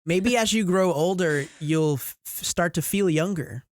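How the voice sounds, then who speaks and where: A woman's voice: lowish voice, a little slow, no room sound, clean studio sound. A woman in her twenties co-hosting a podcast, chatting casually, giggling often and reassuring her co-host. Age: 20s. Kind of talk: casual chat.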